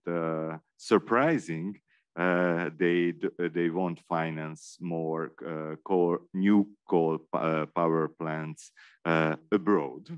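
Slow, deep-voiced hesitant man. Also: clear, resonant tone, no room sound. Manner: very hesitant, many fillers and restarts. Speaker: panel moderator. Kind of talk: unscripted remarks at a panel workshop. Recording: muffled dry sound.

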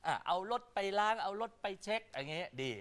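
A man's voice: high-pitched, animated, brisk, a bit bright, clean tone. A man giving weekly horoscopes on a chat show in a joking, teasing way. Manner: joking, teasing, chants spells. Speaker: astrologer guest.

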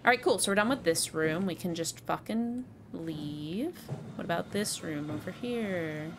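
During a live game stream from home, a woman in her twenties talks with her chat in a chatty, self-mocking manner heavy with fillers. Her lowish voice is animated but a little slow, and the background is noisy.

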